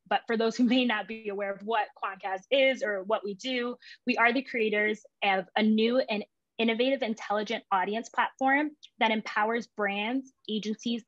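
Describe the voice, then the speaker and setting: A woman's voice: medium pitch, no room sound. Woman moderating over dull dry audio. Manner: polished, reads prepared introductions with occasional fillers. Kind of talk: professional panel interview.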